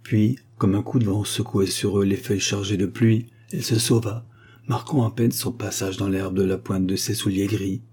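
Male narrator, steady literary reading, low pitch, husky timbre. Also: normal speed. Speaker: audiobook narrator. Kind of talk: literary reading of a short story.

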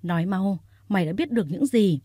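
A woman voicing a brutal, furious old man who shouts threats in a storybook reading. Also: mid-range voice, lively intonation, a little fast, slightly rough, no echo, clean studio sound.

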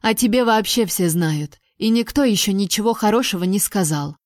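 A woman reading an audiobook, voicing a sharp-tongued young woman held captive who scolds her captor sarcastically. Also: mid-range voice, animated, moderate pace, no echo, clean studio sound, lightly acted. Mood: scolding.

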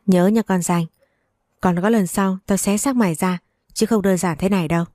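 A woman's voice: medium pitch, steady tone, normal speed, dark tone, no room sound, close to an everyday voice. A woman reading the part of a coarse, threatening heavyset woman in a spoken story. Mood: menacing.

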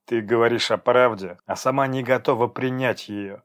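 A man's voice: mid-range voice, fairly even intonation, moderate pace, lightly acted. A man voicing a curt, commanding man. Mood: stern. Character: stern, domineering adult man. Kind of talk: audiobook character voice.

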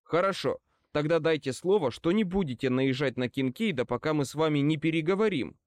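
An angry young wizard, as the audiobook reader acts him out, shouting hoarsely, high and loud. The voice pushes up well above the reader's own pitch, recorded close and dry. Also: male voice, animated, brisk, no room sound, close to an everyday voice. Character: young male wizard, hot-tempered, shouting. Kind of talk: audiobook reading.

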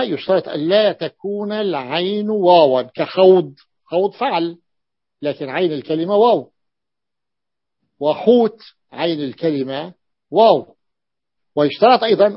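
A man teaching a classroom grammar lesson, his voice a little high and husky. He explains slowly and repeats each example word before giving its pattern. The recording is dry and dull, with a lo-fi sound. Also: dry recording.

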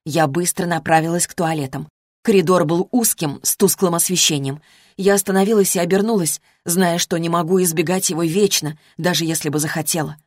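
A woman reading a novel as a first-person audiobook narrator, in a steady, measured way on a close studio mic. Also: fairly low pitch, no echo.

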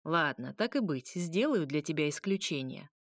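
A woman's voice: low-pitched, expressive, moderate pace, no room sound. Casting: woman reading a smug male demon marquis, centuries old, mocking and lordly, dry close sound.

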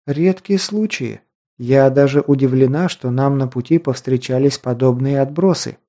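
A man reading an audiobook, voicing a proud but sheltered young noble girl in a raised, softened voice. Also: mid-range voice, normal speed, natural voice.

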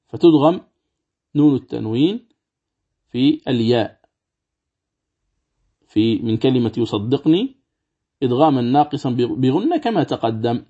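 Man teaching Quran recitation, mellow lo-fi. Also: medium pitch, expressive, husky. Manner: explains step by step with rhetorical questions, drawn-out recited examples. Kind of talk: religious lesson on tajweed.

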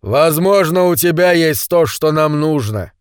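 A man's voice: fairly high pitch, expressive, clean tone, no room sound, clean studio sound. A man doing a sneering, menacing street thug. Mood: mocking. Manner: mocking, threatening, drawn-out taunts. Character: swaggering young male street thug, menacing.

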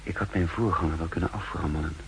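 An actor plays a confident male spy masquerading as a counterintelligence chief, narrating his undercover story for a 1960s radio drama with audible hum and noise. The voice sits low and steady, and the telling is measured, formal and literary, wry and reflective in mood.

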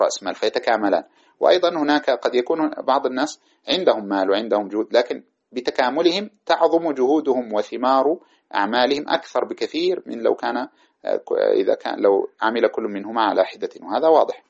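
A man's voice: medium pitch, lively intonation, fast talker, vocal fry, a little mellow, breathy edge. A man teaching Islamic jurisprudence in a classroom lecture, reading passages from a text and explaining them at length. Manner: reads a passage aloud, then explains it at length. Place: lecture hall with microphones. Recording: dull lo-fi lecture recording.

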